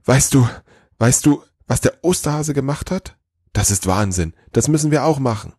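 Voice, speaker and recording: A small, excitable elf bursts out in a high, breathless rush, as a man reads him in a storybook. His pitch leaps all over in his eagerness. The sound is close and completely dry. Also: moderate pace, husky, no room sound, full character voice. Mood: excited. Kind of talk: storybook reading.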